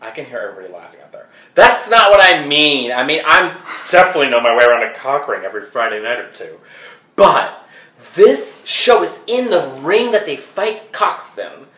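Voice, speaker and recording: A man's voice: on the high side, very animated, normal speed, sharp tone. A man playing a flamboyant male Broadway fan who rambles and keeps getting sidetracked, peppering his talk with fillers in a comedic monologue. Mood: chatty. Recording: roomy echo.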